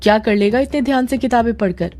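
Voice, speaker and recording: A woman's voice: on the high side, fast, a little mellow, soft background music, pitched above the performer's own voice, natural voice. A woman voicing a blunt young male friend.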